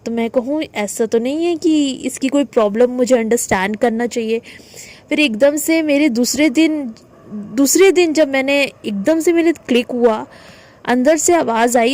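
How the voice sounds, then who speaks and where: A woman vlogger speaking to her viewers in an indignant, animated monologue, often restarting her sentences. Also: on the high side. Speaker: spiritual content creator.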